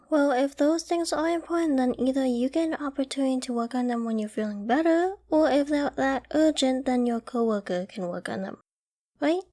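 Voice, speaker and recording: In an ASMR roleplay, a high-voiced woman plays a caring, affectionate girlfriend who teases gently. Her manner is coaxing and playfully flustered.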